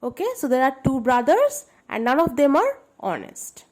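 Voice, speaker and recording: A woman's voice: high voice, big pitch swings, moderate pace, a little mellow. A woman teaching a grammar lesson to schoolchildren, explaining patiently and checking that they understand.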